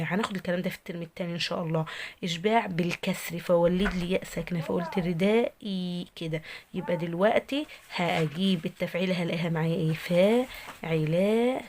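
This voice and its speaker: A woman teacher with an Egyptian accent, quizzing her students and then answering herself as she breaks words into syllables. She talks fast in a fairly low voice. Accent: Egyptian Arabic. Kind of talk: recorded prosody lesson.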